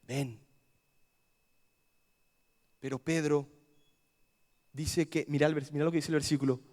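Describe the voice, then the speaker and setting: A man with an Argentine accent preaching a camp sermon, swinging between loud dramatic outbursts and hushed, quiet pleading. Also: on the high side, little pitch movement, a little fast. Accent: Argentine Spanish. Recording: long hall reverb.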